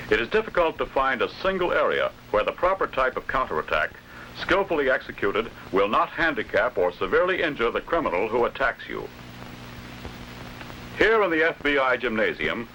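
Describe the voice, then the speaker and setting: With formal authority, a forceful American man narrates an old instructional film over a noisy vintage soundtrack. He enunciates every phrase carefully, and his pitch shifts in lively steps.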